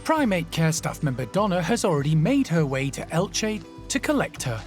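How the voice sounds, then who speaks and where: Lively nature documentary narrator. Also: mid-range voice, moderate pace, soft background music.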